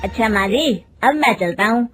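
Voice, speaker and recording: A woman voicing a polite, flattering male factory manager in a storybook. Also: on the high side, moderate pace, loud music behind the voice, natural voice.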